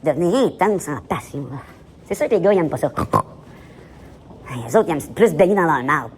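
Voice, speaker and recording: A man with a Québécois accent, livestreaming a loud, provocative, rambling monologue in a public place and switching between French and English. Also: fairly high pitch, expressive, brisk, husky. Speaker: live vlogger.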